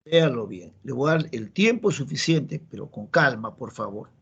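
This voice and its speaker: Husky Peruvian teacher lecturing a class. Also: male voice, mid-range voice, lively intonation, normal speed, muffled recording. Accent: Peruvian Spanish. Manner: repeats key phrases, prompts students with "¿ya?" and "¿sí?".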